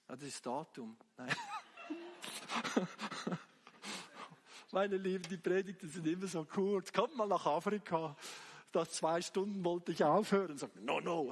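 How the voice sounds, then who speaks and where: A man's voice: on the high side, slight background noise. A man preaching a sermon with fervor, firing rhetorical questions at the congregation. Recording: long hall reverb.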